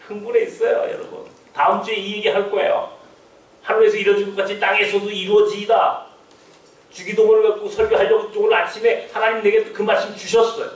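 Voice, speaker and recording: A man's voice: sits high, little pitch movement, a little fast. A man preaching a sermon as pastor, emphatic and full of rhetorical questions, with chuckling asides. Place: church sanctuary. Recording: roomy church sound, mic far off.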